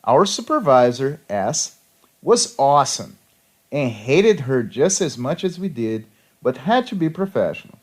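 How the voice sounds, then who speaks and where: A man's voice: mid-range voice, very animated, unhurried. A man reading petty revenge stories aloud, with a sarcastic storytelling manner. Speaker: story narrator.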